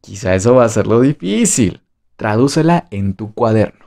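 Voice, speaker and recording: A man's voice: lowish voice, animated, normal speed, gravelly, darkish tone. A man with a Mexican Spanish accent teaching a beginner English lesson online, playful and jokey, drilling phrases by repetition.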